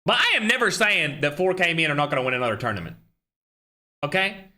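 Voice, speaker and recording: A man's voice: fairly high pitch, sing-song, fast talker. A young man hosting a live mobile game tournament stream, talking casually, commenting on teams and thanking viewers in chat. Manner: casual, chatty, shouts out viewers.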